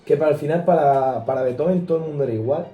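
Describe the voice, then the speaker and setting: A young man co-hosting a casual music podcast, talking hesitantly and pausing to search for words. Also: on the high side, reverberant, recorded from a distance, highs cut off. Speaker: podcast co-host. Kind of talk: casual chat about music history.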